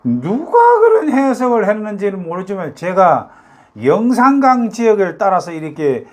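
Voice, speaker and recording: A man's voice: high-pitched, big pitch swings, normal speed, darkish tone. An older man with a Gyeongsang Korean accent, talking casually to his viewers in a rambling way, with many fillers and rhetorical questions. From South Korea, North Gyeongsang. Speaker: YouTube talk host.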